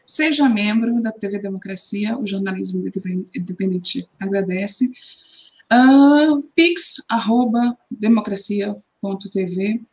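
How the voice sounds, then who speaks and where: A woman with a Brazilian Portuguese accent, a film commentator joining a live stream by video call, talking in a lively, animated way. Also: mid-range voice. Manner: lively, quick to defend herself. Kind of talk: casual live-stream chat.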